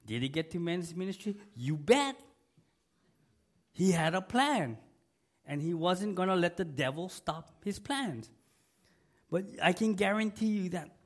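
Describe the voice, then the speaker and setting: With a fairly high pitch, a middle-aged male pastor delivers a sermon in a church sanctuary despite losing his voice to a cold. He's emphatic, repeating key words and urging the congregation to say amen.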